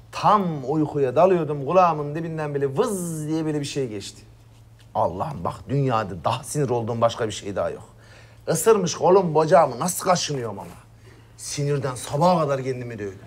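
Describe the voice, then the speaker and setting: A man's voice: medium pitch, big pitch swings, slightly rough. An actor playing a short-tempered, crude man who is a therapy client, in a comedy sketch. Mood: irritable. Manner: blunt, crude and quick to snap.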